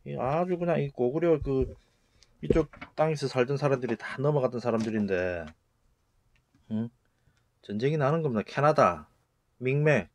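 A man giving a casual spoken lecture as a channel host, acting out rough retorts with sudden loud bursts. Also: mid-range voice, moderate pace, pauses often. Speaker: channel host explaining word origins.

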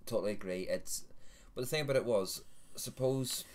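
A man's voice: medium pitch, normal speed, a little mellow. A Northern Irish man in his thirties, hosting a casual livestream chat. He rambles, corrects himself and jokes. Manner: rambling, self-correcting, jokey. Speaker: host of a vaping livestream.

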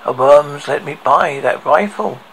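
Horror story killer, male, acted by a man: deranged, tormented, very gravelly, slightly high voice, theatrical delivery, slightly noisy amateur recording. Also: fairly bright tone. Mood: menacing. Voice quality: heavily creaky, gravelly. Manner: slow, halting, theatrical delivery. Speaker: horror host. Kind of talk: dramatic horror story recital.

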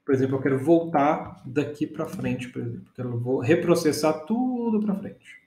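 In an echoey room, a Brazilian Portuguese-accented man in his thirties walks listeners through a casual data engineering lesson step by step, frequently checking they follow. His fairly high voice is mellow, with lively intonation and a moderate pace.

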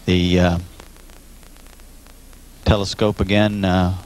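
A man giving live space mission commentary in a measured way with frequent hesitations. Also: low-pitched, flat delivery, a little mellow, clear, resonant tone, poor audio.

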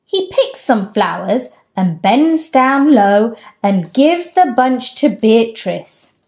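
A woman hosting storytime reads a children's picture book aloud slowly and with lively energy. She tells it gently and expressively, lifting her pitch for the characters' lines. She's indoors in a room at home lined with bookshelves.

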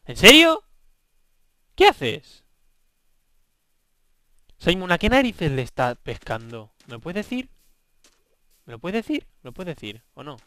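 Young man, Spain Spanish accent, let's play host; clear, bright voice; excitable, swears freely. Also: on the high side, moderate pace, no echo. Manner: excitable, swearing, bantering with game characters. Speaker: gaming video host.

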